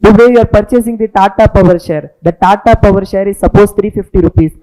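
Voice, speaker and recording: A man's voice: high voice, very fast, dark tone, low-quality recording. A man with a Tamil accent giving an informal, story-led lecture as a teacher, repeating points and checking understanding with tag questions.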